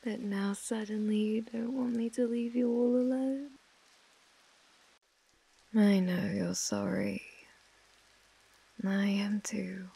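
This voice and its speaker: A woman's voice: medium pitch, creaky, dark tone, husky, full character voice. A British woman playing an obsessive mafia heiress who speaks with controlling, condescending affection in an ASMR role-play. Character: possessive, obsessive female mafia heiress, menacingly tender captor.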